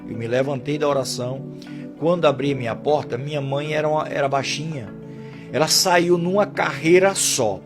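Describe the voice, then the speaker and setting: Over music, a man with a slightly high voice speaks at a moderate pace, giving a fervent religious testimony. He tells his story passionately, quoting prayers and members of his family along the way.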